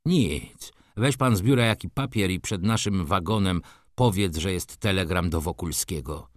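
A man voicing a grave, determined middle-aged merchant who speaks slowly in a hollow, muted voice, cold and formal. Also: low voice, animated, dry recording, clean studio sound. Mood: urgent. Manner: slow, measured, coldly formal. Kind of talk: audiobook character reading.

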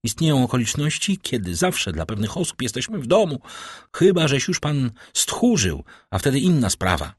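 A man's voice: medium pitch, sing-song, moderate pace, husky, pitched above the performer's own voice. A male narrator voicing a proud, angry young nobleman who speaks coldly and challengingly. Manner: cold, challenging.

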